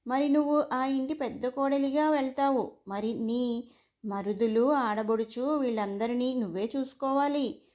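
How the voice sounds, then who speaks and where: A sly teenage little sister teases her older sibling, as a woman narrator puts her on. Her voice is fairly high and the delivery slow. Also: steady tone, darkish tone. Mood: teasing. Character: teasing younger sister, teenage girl.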